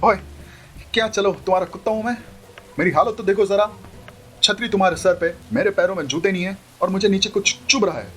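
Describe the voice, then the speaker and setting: A man's voice: sits high, brisk, a bit bright, voice pushed up. A man voicing an easygoing young man who teases and jokes in an offhand manner. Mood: teasing. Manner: teasing, joking, offhand.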